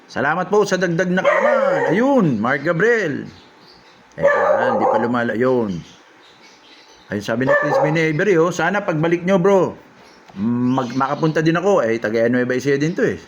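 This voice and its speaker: A man's voice: a little high, animated, normal speed, highs cut off, heavy background noise. A man, a lovebird breeder on a casual livestream, reading out viewers' names and comments and reacting to them. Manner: reads out commenters' names and messages, then reacts.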